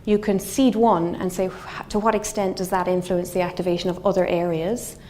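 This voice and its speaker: A middle-aged woman from Galway with a west of Ireland accent, a scientist giving an explanatory lecture in a thoughtful, halting, semi-conversational way. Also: on the low side. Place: indoor wood-panelled lecture room. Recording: faint steady room noise.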